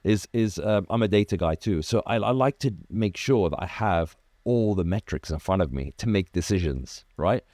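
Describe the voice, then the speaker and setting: Brief: low, mellow male founder, animated storyteller, dry close sound. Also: moderate pace, hardly any pauses, no room sound. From Iraq. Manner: animated storyteller, acts out quoted dialogue, many restarts. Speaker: car detailing business founder, guest. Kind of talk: casual interview chat.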